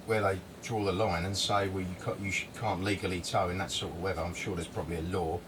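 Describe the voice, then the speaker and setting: His voice sits low with little pitch movement, and he speaks quickly. This southern English co-host chats casually and hesitantly on a windy day outdoors for a vlog, recorded on a noisy, distant outdoor mic buffeted by wind.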